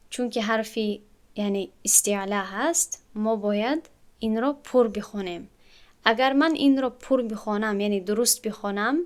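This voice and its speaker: A woman teaching a recitation lesson, explaining patiently and drawing out syllables to demonstrate how they sound. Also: mid-range voice. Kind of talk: tajweed lesson to students.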